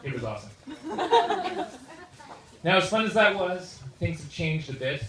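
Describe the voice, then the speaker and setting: A Canadian man giving a humorous best man wedding toast in an informal, joking, halting way. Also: on the high side, very animated. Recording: echoey noisy room, far from microphone. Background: loud audience noise and laughter.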